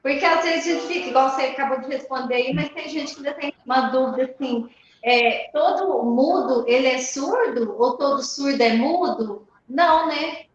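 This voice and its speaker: A woman host asks her guest conversational questions, thinking aloud as she goes. Her voice is high. She sounds like she is in a very echoey room, and the audio is muffled with a faint hiss behind it. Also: moderate pace. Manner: hesitant, thinks aloud with many "é" fillers.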